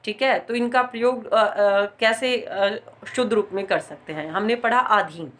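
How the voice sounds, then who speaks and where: A woman teaching a grammar lesson, explaining slowly with frequent pauses and stressing example words. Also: mid-range voice, a bit bright.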